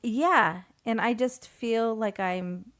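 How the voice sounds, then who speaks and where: A woman co-hosts a podcast in casual conversation, sounding tired and sleepy and often giggling sheepishly. Her voice is a little high and a bit bright, and she speaks slowly into a podcast microphone.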